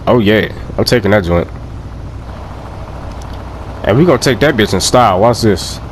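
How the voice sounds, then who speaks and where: A young man giving loud, profane, joking let's play commentary and laughing often. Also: lowish voice, expressive, moderate pace, a little hiss or hum. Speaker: gameplay commentator.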